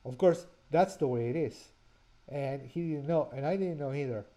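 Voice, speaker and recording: Spanish-accented man with a dark voice. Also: a little high, poor audio. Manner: earnest storyteller, pauses with fillers. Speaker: author and course presenter. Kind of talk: personal story in a language lesson.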